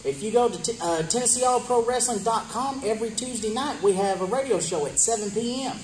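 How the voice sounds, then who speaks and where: A man's voice: high voice, a little fast, a little hiss or hum. A man hosting a wrestling promo interview, announcing upcoming matches and putting questions to a wrestler. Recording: echoey room with music behind.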